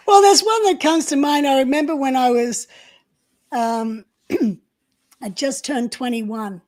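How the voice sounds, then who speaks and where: An older woman with a notably high voice, chatting casually as a co-host on a live stream. She reminisces and tells her stories at an easy pace, with frequent ums and restarts. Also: slow pace, pauses often, a little mellow.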